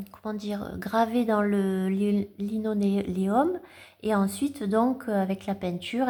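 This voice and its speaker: Her voice mid-range and a bit mellow, a tarot collector chats at home while showing her cards for a casual vlog. The delivery is tentative, with many fillers and false starts.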